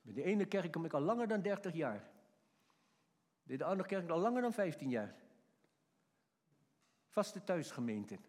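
A middle-aged man preaches a sermon at a moderate pace, his fairly high voice very animated and broken by long pauses. His folksy, emphatic delivery includes acting out shouted quotes, and the recording carries long hall reverb.

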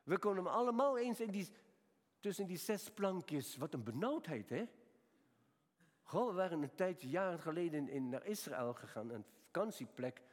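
An older man in his seventies delivers a sermon with a fairly high voice. He tells stories quietly and slowly, then lifts his voice for earnest appeals. His words ring out with a long reverb, as in a large hall. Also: big pitch swings. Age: 70s. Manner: storytelling, swings from quiet to raised emphatic. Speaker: preacher.

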